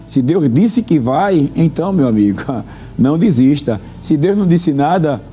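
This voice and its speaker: A man's voice: a little high, expressive, moderate pace, dark tone, soft background music. A man hosting a religious talk program as pastor, preaching fervently and repeating phrases for emphasis.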